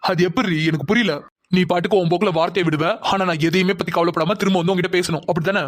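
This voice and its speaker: A man voicing a hurt, angry young man in a cartoon, scolding fast and bitterly. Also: sits high, steady tone, close to an everyday voice. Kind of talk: cartoon voice acting.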